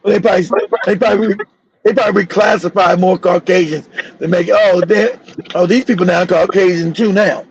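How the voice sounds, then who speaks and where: A man's voice: high-pitched, steady tone, a little fast, slightly rough, no echo, highs cut off. A man hosting a livestream talk show, delivering fiery, profane, repetitive commentary. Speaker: show host.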